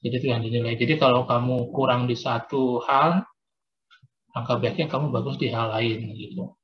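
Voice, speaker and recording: A man's voice: medium pitch, fairly even intonation, normal speed. Male religion teacher, casual and patient, plenty of fillers, mid-range voice, lo-fi video call audio. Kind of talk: explaining an exam to students on a video call.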